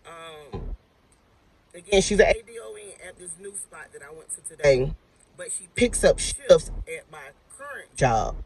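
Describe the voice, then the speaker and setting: A woman's voice: low voice, animated, a little slow, darkish tone, low-quality recording. A woman who works as a nurse, telling a story to her viewers in a casual, emphatic way and calling them y'all.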